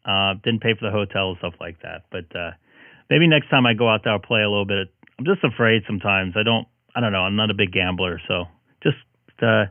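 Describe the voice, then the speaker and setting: A man's voice: fairly low pitch, dry recording, narrow, tinny audio. A man who is tired and hungover with a headache, chatting casually and apologetically as he runs a live-streamed ham radio session.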